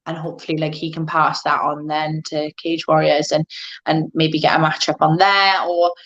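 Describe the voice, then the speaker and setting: A woman's voice: low-pitched, level tone, normal speed, a bit bright, highs cut off. A woman, answering casually as an interview guest, thinking aloud a little hesitantly. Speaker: guest, MMA fighter.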